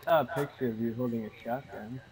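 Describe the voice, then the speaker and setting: A man's voice: mid-range voice, steady tone, fast, darkish tone, breathy edge, rough recording. A man chatting casually over game voice chat in an amused, slangy way.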